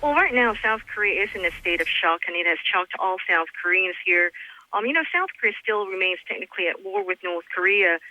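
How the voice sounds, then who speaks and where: A woman's voice: on the low side, dry recording. A woman news correspondent giving a live, unscripted report over a remote phone link. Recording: bright, dry, dull-band phone-line sound.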